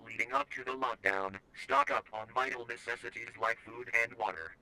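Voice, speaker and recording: A man reading a scripted emergency announcement over an air raid loudspeaker, stern and commanding. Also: sits low, fairly even intonation, fairly quick, rough recording.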